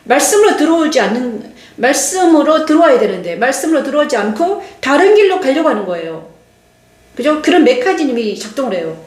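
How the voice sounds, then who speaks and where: An older woman pastor giving a testimony sermon, speaking slowly and haltingly with many restarts and pauses. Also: high voice, big pitch swings, darkish tone. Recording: echoey room.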